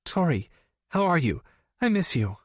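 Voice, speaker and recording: Voicing a reserved, easily embarrassed young woman for an audiobook, a male narrator pushes his voice up in a heavily acted, low, husky tone. She comes across sing-song and a little slow, tight and composed with a hint of exasperation, recorded cleanly in a studio.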